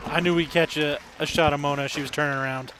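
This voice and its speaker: A man's voice: fairly high pitch, steady tone, fast talker, a crowd in the background, low-quality recording. A man chatting casually as a sports broadcast commentator in booth banter.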